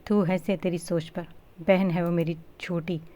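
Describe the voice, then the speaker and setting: An angry, protective brother figure from a storybook reading, speaking through gritted teeth, as a woman narrator acts him. Low voice, little changed from her own. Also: level tone, measured pace, dark tone, natural voice. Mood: reproachful.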